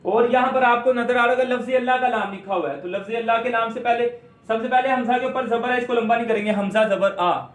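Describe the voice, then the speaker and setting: A man teaching Quran recitation step by step. He asks his own questions and answers them, and he draws out words slowly to demonstrate them. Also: extremely high pitch, steady tone, reverberant.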